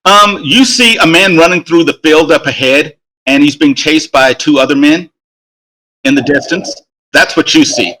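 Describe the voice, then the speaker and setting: A man running a tabletop game, talking easily with many fillers. His voice sits a bit high and sounds bright and forward. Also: normal speed, poor audio. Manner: relaxed, lots of fillers. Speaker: game master.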